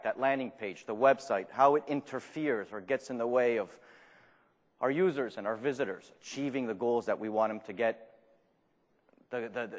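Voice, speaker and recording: This conference speaker is a man from Argentina, a native Spanish speaker with a French accent, talking live at medium pitch. He jokes at his own expense and quizzes the crowd as he goes. The sound echoes around the large conference room where he presents.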